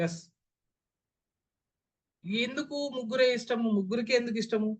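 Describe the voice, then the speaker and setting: A voice modulation trainer with a very high-pitched voice runs an interactive online class over a video call. Speaking at a moderate pace, he keeps asking his listeners questions and repeating them.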